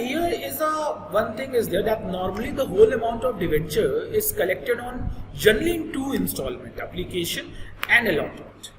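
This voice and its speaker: A man with an Indian accent and native Hindi, teaching in an instructive, repetitive explanatory style and often checking understanding. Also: sits high. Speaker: accountancy teacher. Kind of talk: explanatory classroom lesson. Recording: echoey reverberant room with clear noise.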